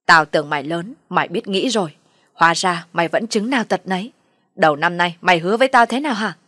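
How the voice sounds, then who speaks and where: A woman voicing a furious older father-in-law who shouts at his son. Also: on the low side, expressive, quick pace, no room sound, clean studio sound. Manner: loud angry shouting.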